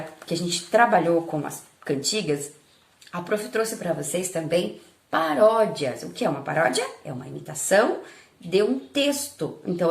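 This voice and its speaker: A woman's voice: medium pitch, vocal fry, reverberant. A woman teacher with a Brazilian Portuguese accent, patiently reviewing lessons step by step for her pupils and often checking they follow. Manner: patient, explaining step by step with frequent check-ins.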